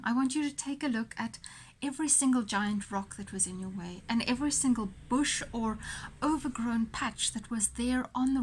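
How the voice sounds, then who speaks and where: A female host guides listeners through a visualisation like a motivational coach, speaking slowly with pauses and repeated phrases. Her voice is fairly high and slightly rough.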